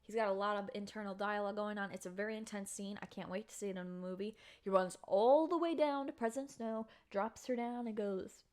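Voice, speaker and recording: A woman's voice: medium pitch, brisk, hardly any pauses, clean tone. A woman talking casually to her camera in a chatty, slangy spoiler review of a book. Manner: chatty, slangy, animated storytelling. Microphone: camera mic.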